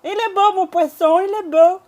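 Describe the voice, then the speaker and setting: A woman's voice: very high-pitched, steady tone, normal speed, pitched above the performer's own voice. A woman playing a cheerful market vendor who bellows a sing-song sales patter. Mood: hawking. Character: loud cheerful market vendor hawking wares.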